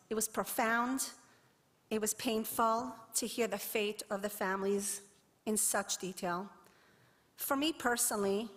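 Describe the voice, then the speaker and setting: Earnest woman with a higher voice. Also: fairly bright tone. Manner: earnest and measured. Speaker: presenter at a memorial program. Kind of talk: prepared remarks.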